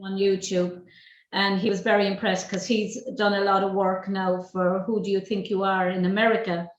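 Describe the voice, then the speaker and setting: A woman's voice: mid-range voice, flat delivery, moderate pace, lo-fi sound. Irish woman hosting, in an echoey room. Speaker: show host, interviewer. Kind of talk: casual interview chat. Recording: echoey, roomy sound.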